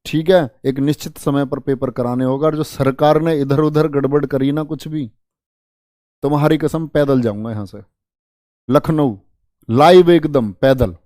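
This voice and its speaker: A man teaching Hindi for exam prep gives an online lesson, affectionately chatting and repeating words to drill spelling, full of dramatic promises. The voice is on the high side with a darkish tone, captured in clean studio sound without echo.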